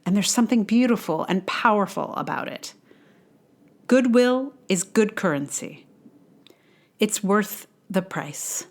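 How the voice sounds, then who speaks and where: A woman who hosts her own podcast and produces audio drama reads a personal essay aloud, then shifts into a casual aside, reflecting in a conversational, wry, self-deprecating way. Her mid-range voice is expressive and measured, with slight background noise.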